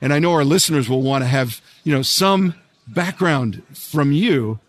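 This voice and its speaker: A man's voice: medium pitch, normal speed. A man hosting a podcast interview, enthusiastic and affirming, often replying with "wow" and "yeah". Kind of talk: interview conversation.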